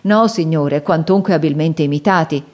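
A woman's voice: sits low, normal speed, darkish tone, close to an everyday voice. A woman voicing a loyal male Indian companion who speaks earnestly and respectfully.

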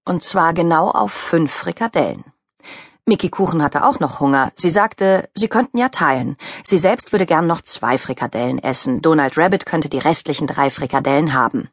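An audiobook narrator, a lively woman with a fairly low voice, reads a scripted children's story. The recording is dry and clean, with studio-quality sound.

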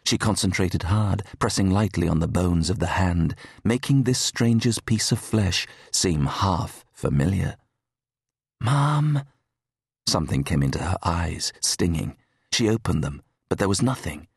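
A man reading an audiobook in measured, steady scripted narration on a close studio mic. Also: low voice, gravelly, breathy edge, dry recording.

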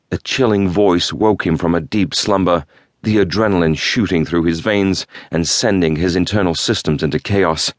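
A man narrating a thriller audiobook in a measured, steady storytelling manner. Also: low voice, dry recording, clean studio sound.

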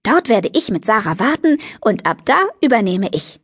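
A woman's voice: medium pitch, very animated, normal speed, husky, no room sound, studio quality. Chirpy fashion-mad teen girl, woman reading her in an audiobook, bouncing all over the place. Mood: bubbly. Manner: chirpy, pushy and carefree. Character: bubbly fashion-crazy teenage girl matchmaker.

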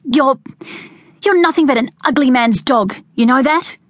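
Lady doing a feisty young farm girl, way higher than the narration, dry close sound. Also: lively intonation, moderate pace, slightly rough, no echo. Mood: flustered outrage. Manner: indignant, sharp-tongued.

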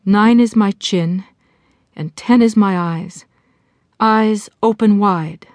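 A woman's voice: mid-range voice, slow pace, darkish tone, no room sound, close to an everyday voice. A woman voicing a meek, trembling wife. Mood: chanting. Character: frightened, meek middle-aged wife.

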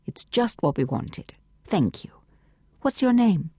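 A woman reading an audiobook voices a confident, sophisticated young woman who speaks briskly. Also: mid-range voice, big pitch swings, dark tone, slightly rough, dry recording, studio quality, voice pushed up, full character voice. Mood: self-assured. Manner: brisk, self-assured.

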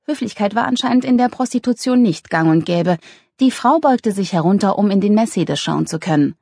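A woman narrating a humorous novel with a lively, ironic delivery. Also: brisk, vocal fry, no echo, studio quality. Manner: lively, ironic, voices characters with raised pitch. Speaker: audiobook narrator.

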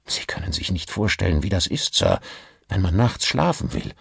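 A male narrator playing a timid ventriloquist, speaking humbly and apologetically with a gravelly low voice. Dry, close audiobook sound. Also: wildly swooping pitch, normal speed, a bit bright, no room sound, full character voice. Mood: submissive. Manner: submissive, pleading.

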